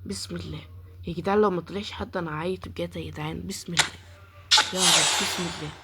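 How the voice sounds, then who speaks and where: Opening pack after pack, a woman with an Egyptian accent pleads and complains about her luck in live gameplay commentary for her YouTube gaming channel. She speaks fast in a fairly low, mostly even voice against background noise.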